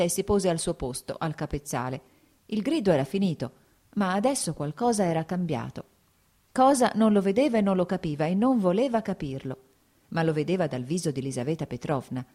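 Low-voiced woman reading a novel aloud. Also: warm tone. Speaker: audiobook narrator. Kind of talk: scripted literary narration.

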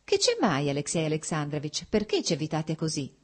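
A kind, gentle mother who pleads softly with her guest, voiced by a woman reader. The voice is slightly husky, the pitch lively. It is storybook narration. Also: moderate pace. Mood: friendly. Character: kind, warm-hearted married woman, a mother.

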